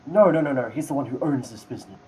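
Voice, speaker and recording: A man's voice: medium pitch, animated, fast, dark tone, natural voice, rough recording. A man playing a rambling village shopkeeper. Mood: chatty. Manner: rambling, hesitant with many ums. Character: male shopkeeper, chatty franchise owner.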